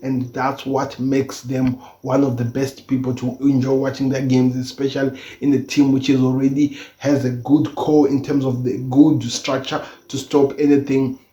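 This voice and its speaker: A man gives football reaction commentary in a soft-edged, mellow voice, speaking a little awkwardly as if around a toothache. He stresses points by repeating phrases. The recording is dull and echoes off the room. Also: mid-range voice, little pitch movement, moderate pace, hardly any pauses. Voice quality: slightly impeded speech from a sore tooth. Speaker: football channel host.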